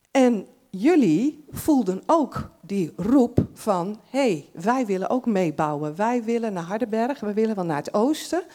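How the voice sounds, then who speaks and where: A woman's voice: mid-range voice, warm tone. A woman giving a chatty farewell address at a church service, full of fillers and restarts.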